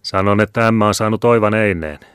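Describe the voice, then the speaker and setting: A man voicing a calm, bearded older sergeant who talks in an unhurried, grimly matter-of-fact way. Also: fairly low pitch, smooth, dry recording, studio quality, pitched above the performer's own voice, lightly acted.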